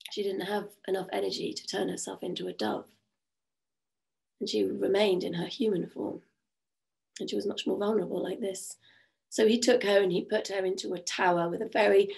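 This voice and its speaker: A woman storyteller with a croaky voice, telling a folk tale in a rhythmic, repetitive and soothing way at an online event. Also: mid-range voice, a little mellow.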